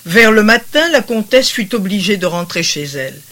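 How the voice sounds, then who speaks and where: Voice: medium pitch, lively intonation, moderate pace, a bit bright. A literature lecturer who reads passages aloud and comments on them in a digressive, explanatory way, with frequent rhetorical asides.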